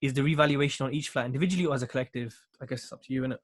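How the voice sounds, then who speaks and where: A man's voice: medium pitch, fairly even intonation, rapid-fire. Breezy man hosting a live Q&A, joking and slangy, mid-range voice. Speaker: show host asking listener questions. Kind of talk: casual live Q&A chat.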